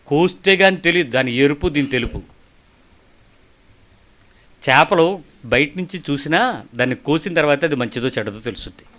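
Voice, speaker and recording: Bright-voiced preacher man, higher pitch. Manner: storytelling, rhetorical questions, swings between soft and emphatic. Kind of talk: sermon.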